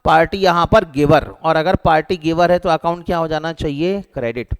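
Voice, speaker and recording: A man teaching an accounting lecture to a class, animated and joking as he quizzes his students. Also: on the high side, moderate pace, clean tone. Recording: long hall reverb.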